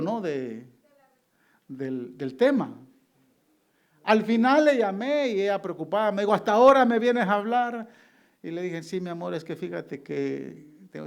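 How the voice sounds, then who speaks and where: A man's voice: fairly high pitch, gravelly, darkish tone. A male pastor preaching a sermon, telling a personal story and acting out his dialogue with God.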